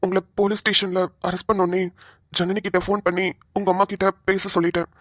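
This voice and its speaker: A calm young police officer in a cartoon, speaking in a steady, reassuring way , voiced by a woman. His voice sits clearly lower than the performer's own. The recording is dry and close. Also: fast talker, dry recording, lightly acted. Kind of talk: cartoon voice acting.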